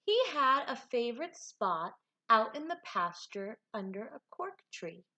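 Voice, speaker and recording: Bright, very animated woman teacher. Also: a little high, a little slow. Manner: animated, expressive delivery addressed to young pupils. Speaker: elementary teacher. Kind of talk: read-aloud lesson for children.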